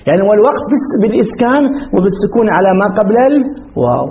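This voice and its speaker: A man with a fairly high voice teaches a grammar lesson. He asks his class questions, answers them himself and repeats the example words slowly. The recording sounds dull and lo-fi. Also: very animated, slight background noise. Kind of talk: explaining a grammar text.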